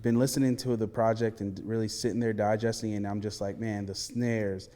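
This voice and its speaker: Relaxed male interviewer in a reverberant room. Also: on the low side, fairly quick. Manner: relaxed, many "you know" fillers. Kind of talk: casual interview.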